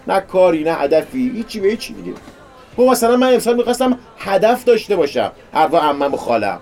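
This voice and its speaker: A man's voice: high voice, big pitch swings, darkish tone, soft background music. A man in his thirties acting in a comedy sketch, whiny and self-pitying, going on with long complaints.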